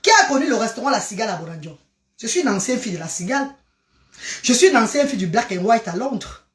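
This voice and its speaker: High-voiced woman, animated live-stream chat. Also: quick pace. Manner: animated, exclamatory, jumps between topics. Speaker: social media live streamer. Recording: roomy echo.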